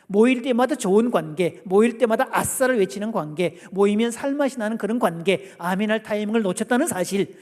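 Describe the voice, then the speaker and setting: A man's voice: high-pitched, lively intonation, a little fast, few pauses, darkish tone. Playful man lecturing in a reverberant church. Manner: playful, asks the audience questions, acts out quotes. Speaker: guest seminar lecturer. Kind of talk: lively church seminar lecture. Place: church sanctuary. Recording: long church hall reverb.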